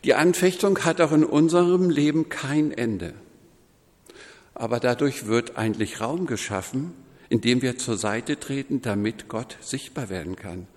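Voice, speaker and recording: A man preaching a sermon in a measured, deliberate way, quoting scripture voices as he goes. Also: medium pitch, in a large hall. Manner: slow, measured preaching with quoted voices woven in.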